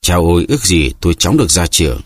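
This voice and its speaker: A man's voice: low-pitched, very animated, fast, slightly rough, no room sound, clean studio sound, full character voice. A man voicing a young man who grumbles and makes excuses all the time. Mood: grumbling. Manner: whining, grumbling. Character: young man, forever complaining and making excuses.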